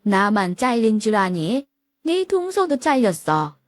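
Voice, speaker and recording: A domineering, snobbish mother-in-law who barks and scolds in a storybook drama, as a woman voices her. The delivery is lively and up close, with a dry sound. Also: mid-range voice, measured pace, dry recording. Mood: scolding. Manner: bossy, scolding. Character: bossy snobbish older mother-in-law, shouting.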